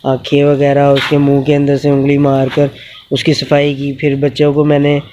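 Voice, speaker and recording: A man in a casual instructional vlog, explaining goat care outdoors in an unhurried way with many pauses and fillers. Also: mid-range voice, monotone, darkish tone, slight background noise. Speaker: goat keeper and channel host. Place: outdoors in a yard with animals.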